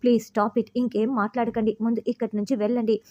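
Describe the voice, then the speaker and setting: A woman's voice: a little high, flat delivery, a little fast, lo-fi sound, lightly acted. Woman voicing an angry young man. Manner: shouting, bitter.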